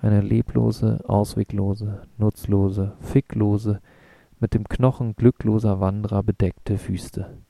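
Earnest, musing young man, voiced by a man, rough delivery, low dark voice, dry sound, audiobook. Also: little pitch movement, takes it slowly, dry recording. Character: brooding, searching young man. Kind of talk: audiobook reading.

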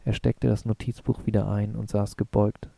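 Male audiobook narrator; deep, gravelly, monotone. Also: no room sound. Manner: even, measured reading. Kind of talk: scripted narration.

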